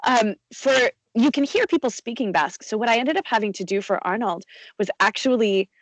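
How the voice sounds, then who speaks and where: A woman's voice: fairly high pitch, expressive, fairly quick, no room sound, rough recording. A woman audiobook narrator and voice actor talking in an interview, chatty, with many fillers, restarts and easy laughs. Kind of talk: conversational interview.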